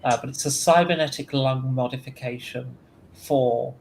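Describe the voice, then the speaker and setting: A man acting as game master, describing scenes in a tabletop game slowly with frequent ums and uhs. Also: medium pitch, fairly even intonation, a little hiss or hum, low-quality recording. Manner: slow, halting with ums and uhs.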